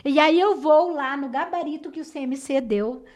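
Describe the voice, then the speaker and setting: A woman with a Brazilian Portuguese accent teaches a lesson that walks students through exam answers. Her voice sits fairly high, and she explains in a clear, patient way. She is recorded close to the microphone. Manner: clear, patient explaining, slows down to stress syllables.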